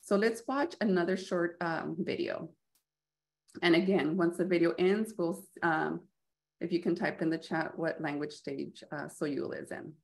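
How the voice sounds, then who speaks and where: A woman presenting an instructional webinar for teachers, explaining in a measured way with occasional filler ums. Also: lowish voice, creaky.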